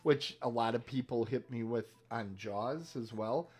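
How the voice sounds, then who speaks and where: A man's voice: medium pitch, unhurried, darkish tone, husky. A man co-hosting a movie podcast in casual, joking banter with his co-host. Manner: jokey, playful banter. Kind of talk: casual chat.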